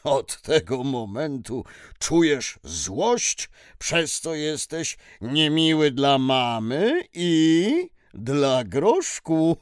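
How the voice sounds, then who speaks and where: An actor playing a jolly, wise old Santa Claus who speaks in a patient, theatrical, chuckling way for a children's audio story. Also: male voice, a little high, sing-song, extremely slow, smooth, dry recording, heavily acted. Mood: understanding.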